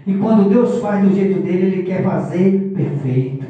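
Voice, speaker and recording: Male preacher, high and mellow, impassioned testimony, distant mic in a reverberant church. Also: expressive, moderate pace, dull audio. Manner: impassioned, acts out dialogues with God. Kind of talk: sermon with personal testimony. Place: church service. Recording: echoey church, mic far off.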